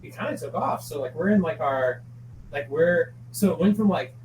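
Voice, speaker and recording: A man's voice: fairly high pitch, animated, normal speed, darkish tone, slight background noise, rough recording. A man chatting as a podcast guest, rambling and swearing freely, with lots of fillers and restarts. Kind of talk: casual chat.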